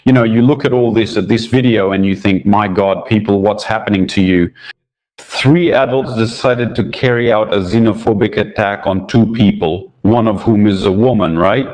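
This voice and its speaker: A man's voice: fairly low pitch, a little mellow. A man hosting a commentary channel, talking in a sarcastic, indignant way, with Russian as his first language. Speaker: political commentator. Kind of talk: scripted commentary monologue.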